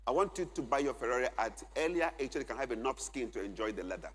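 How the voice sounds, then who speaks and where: Middle-aged guy preaching at a men's conference, husky voice, repeats stuff for notes, big echoey hall. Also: medium pitch, lively intonation, fast. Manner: emphatic, repeats key phrases for note-taking. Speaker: conference speaker. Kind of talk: church conference teaching. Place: large church hall. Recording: long hall reverb.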